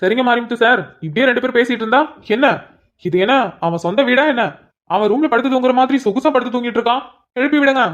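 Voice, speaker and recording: A woman's voice: fairly high pitch, fast talker, natural voice. A woman voicing a self-assured male police officer who teases and mocks. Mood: commanding. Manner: teasing, mocking banter. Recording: dull lo-fi audio.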